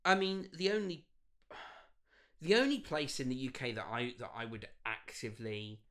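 A man's voice: mid-range voice, normal speed, fairly bright tone. A man from Bath in England with a modern British accent, chatting casually in an informal, agreeable way as a co-host. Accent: modern British English. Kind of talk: casual chat.

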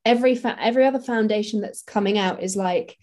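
A woman's voice: medium pitch, fast talker, a little mellow. A woman, a makeup artist, talking casually and practically in an interview, with many fillers.

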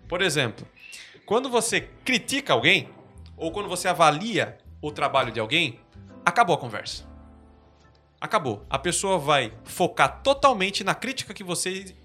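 A man's voice: fairly high pitch, pushed and bright. A man with a Brazilian Portuguese accent hosting a casual podcast discussion. He explains ideas through examples, often restarts his sentences and tags them with "né?". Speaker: podcast host.

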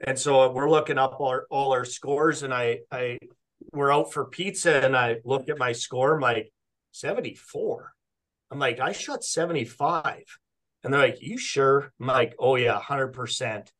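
A young man from Canada, a podcast guest, telling a rambling, animated story in casual chat and often quoting himself. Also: medium pitch, moderate pace. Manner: rambling, animated retelling with quoted self-talk and frequent "like".

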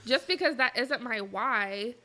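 A woman chats casually as a podcast co-host. Her voice sits a little high and has a bright, forceful edge. She talks in a candid, salty, conversational way. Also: expressive, unhurried. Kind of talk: casual chat.

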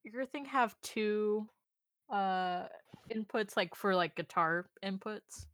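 A woman's voice: mid-range voice, slow, no room sound. A young woman co-hosting a casual podcast, laughing often and swearing casually. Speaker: podcast co-host. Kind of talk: casual chat. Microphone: home mic, online call.

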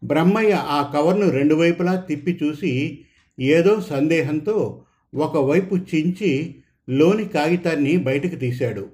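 A man reading a story aloud in an even, measured narration. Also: on the high side.

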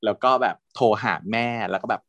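A man chatting casually with a co-host, recapping a TV drama in an animated way, laughing often. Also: brisk, dry recording. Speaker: podcast co-host.

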